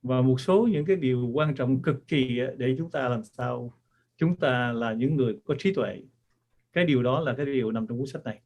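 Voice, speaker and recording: A man's voice: mid-range voice, brisk, muffled recording. A man speaking earnestly to an audience as author and teacher, repeating himself for emphasis. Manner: earnest, repetitive. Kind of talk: talk to an audience.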